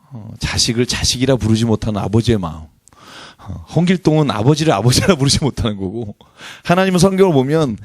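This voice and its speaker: A male pastor giving a conversational, animated sermon, laughing often as he speaks. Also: mid-range voice, no room sound, clean studio sound.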